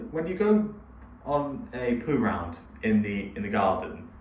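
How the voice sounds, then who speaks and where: Rambling young man in an echoey room. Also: on the low side. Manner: chatty, rambling, laughs while telling stories. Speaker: podcast co-host. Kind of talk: casual chat. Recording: echoey, distant, dull sound with faint hiss.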